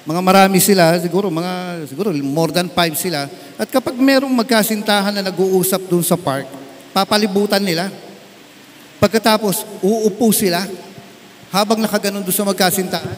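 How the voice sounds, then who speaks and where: A Filipino pastor tells a story from the pulpit, animated and lively, putting on voices as he goes. His voice sits high for a man. The sound rings with long reverb from a big hall, over a faint hum of room noise. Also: normal speed. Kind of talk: sermon storytelling. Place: large church hall at a camp service.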